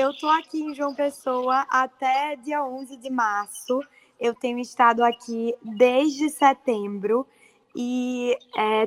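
A young actress from Paraíba, Brazil, with a Paraíba accent, talking earnestly in a casual interview with frequent fillers. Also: female voice, a little high, no echo. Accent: Paraíba Brazilian Portuguese. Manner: earnest, fluent, many fillers. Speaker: actress guest.

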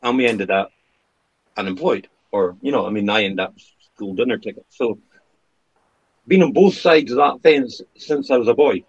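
A man in his fifties from the Scottish Highlands, with a Highland accent, talking casually and candidly about things in a conversational, storytelling way. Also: moderate pace, long pauses, slightly rough. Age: 50s. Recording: dull lo-fi sound.

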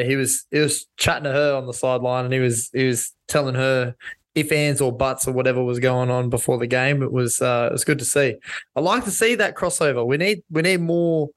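A young man with an Australian accent, co-hosting a casual chat in a relaxed, agreeable way. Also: mid-range voice, fairly quick. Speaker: podcast co-host.

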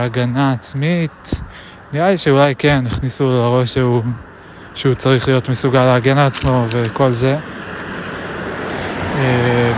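A man recording a reflective spoken diary outdoors, musing aloud with many pauses and hesitations. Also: medium pitch. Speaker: video diarist. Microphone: action camera. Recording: traffic noise outdoors.

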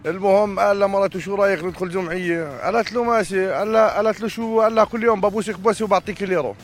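A man spins a joke at a quick clip, his voice high. He keeps addressing the listener as sir. Faint music plays underneath. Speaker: passer-by telling jokes.

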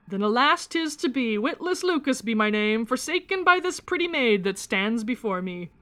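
A man's voice: high-pitched, moderate pace, a bit bright. A woman voicing a teasing old-fashioned village man who talks in archaic, theatrical phrases.

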